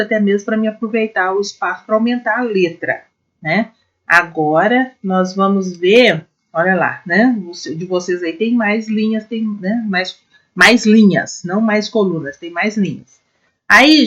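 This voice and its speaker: A woman teacher with a Brazilian Portuguese accent, giving a recorded class to young pupils, patient and step by step, sounding out syllables slowly. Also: medium pitch, a bit bright, low-quality recording. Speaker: primary school teacher.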